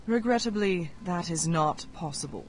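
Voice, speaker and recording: A woman voicing an arrogant, cold female Red Wizard in a fantasy game, speaking in measured threats. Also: on the low side, expressive, a little hiss or hum, close to an everyday voice. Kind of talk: game voice acting.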